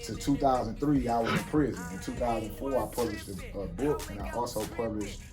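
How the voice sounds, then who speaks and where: A man in his forties, speaking casually and telling his life story in a relaxed, street-wise way as the guest of an interview. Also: mid-range voice, a little fast, distant mic, music in the background. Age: 40s. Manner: relaxed street-wise storytelling, frequent "you see what I'm saying". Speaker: guest entrepreneur.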